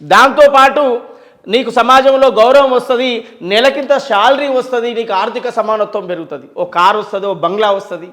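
A man's voice: very high voice, fairly quick, a bit bright. A man with a Telangana accent speaking as an interview guest, emphatic and full of rhetorical questions and long lists. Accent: Telangana Telugu. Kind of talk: impassioned interview talk.

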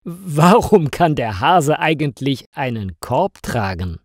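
A man reading a story aloud slowly and clearly for language learners, in a scripted narration style. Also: a little high, very animated, no echo, studio quality. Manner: slow, clearly articulated reading.

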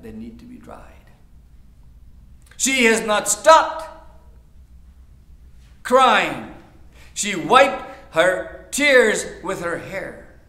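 A male pastor with a very high, bright voice delivers a sermon, dropping to near-whispers and then rising to loud emphasis. He speaks conversationally, asking the congregation questions. The sound carries an echo from the church room around him. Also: gravelly. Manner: dramatic swings from hushed to loud preaching; conversational, asks the audience directly.

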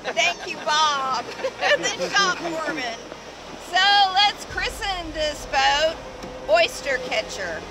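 A woman with a very high voice makes a grateful little speech to a gathered crowd, taking her time and laughing between thanks. The crowd murmurs around her on the open beach. Wind noise comes through clearly. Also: lively intonation. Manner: grateful, giggly, unhurried. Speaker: boat owner giving a christening speech. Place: outdoors on a beach among a crowd.

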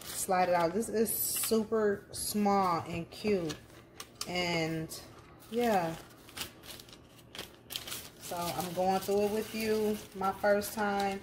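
Woman, casual vlog host, chatty and slangy, easygoing slow delivery. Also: medium pitch, background noise. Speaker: crafting channel host.

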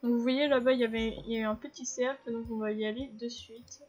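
A woman's voice: fairly high pitch, fairly even intonation, quick pace, highs cut off. A woman giving casual gameplay commentary, chatting to viewers and explaining the controls as she plays. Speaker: gaming video host. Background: faint game music.

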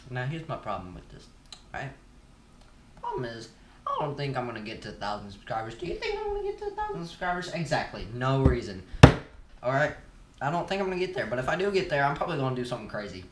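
A man's voice: medium pitch, noisy background. A teenage boy hosting a casual Q&A vlog, chewing gum and rambling laid-back with lots of fillers. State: chewing gum while talking. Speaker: YouTuber host. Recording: roomy echo, from a distance.

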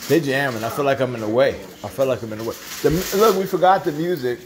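A man's voice: medium pitch, quick pace, noisy background. A man hosting a home cooking live stream, chatting with viewers while filming on a phone in a kitchen. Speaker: cooking show host. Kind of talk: casual live-stream chat. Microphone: handheld phone camera.

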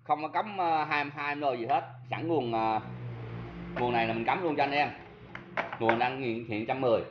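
A man's voice: mid-range voice, moderate pace, lo-fi sound, background noise. Chatty southern Vietnamese man demoing tools. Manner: chatty, self-mocking, talks straight to viewers. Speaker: seller of used power tools. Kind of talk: casual product demo.

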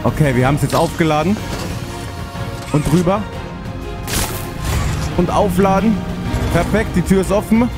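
A man's voice: high voice, animated, a little slow, pauses often. A man doing let's play commentary, chatting himself through puzzles and easily spooked. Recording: voice over game music.

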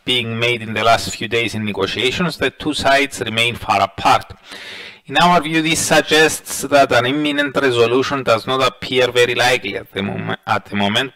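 Gravelly man reading market commentary. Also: medium pitch, bright, forceful tone, rough recording. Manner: measured, with frequent "uh" fillers and restarts. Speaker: market analyst presenting a daily review. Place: voice-over over presentation slides.

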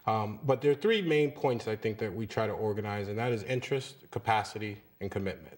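Speaking fairly quickly in a lowish voice, a thirty-something union leader answers questions earnestly as a guest on a TV studio interview, and he tends to repeat words to stress a point. It takes place in a small TV studio.

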